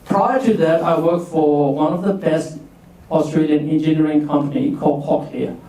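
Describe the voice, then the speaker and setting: A Burmese leadership coach in his forties gives a chatty, casual workshop talk to students and asks them to raise their hands. His voice is fairly high and warm, at a moderate pace. The recording is distant, in an echoey room.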